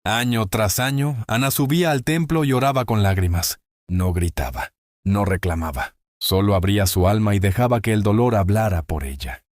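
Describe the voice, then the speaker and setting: A man with a fairly low voice gives a scripted devotional reading, solemn and unhurried. He lingers on key phrases with measured pauses. The recording is dry and close, with no room sound. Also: expressive, a little mellow, no echo. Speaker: devotional narrator. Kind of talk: scripted inspirational Bible narration.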